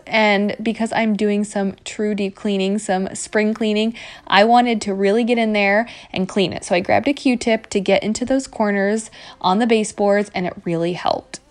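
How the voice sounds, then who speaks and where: A woman in her thirties, working as a home cleaning vlogger, does a casual voice-over addressed straight to her viewers while background music plays. Her mid-range voice has a darkish tone, fairly even intonation and a moderate pace.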